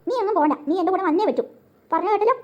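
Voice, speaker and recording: A woman's voice: very high-pitched, very fast, a little mellow, muffled recording. A woman voicing a bossy, stubborn young cartoon girl who scolds and makes demands. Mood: demanding.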